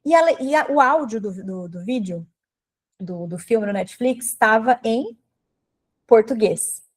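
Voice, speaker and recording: A woman from Brazil teaching English in a live online class, chatty and animated, speaking straight to her viewers. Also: fairly high pitch, a little slow. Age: adult with a daughter.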